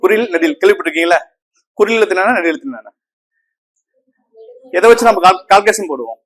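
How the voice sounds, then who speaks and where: A man's voice: sits high, animated, fast, fairly bright tone. A man teaching a Tamil grammar class, repeating key terms and often asking the students if they follow. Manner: asks the class frequent checking questions; repeats terms and counts on fingers.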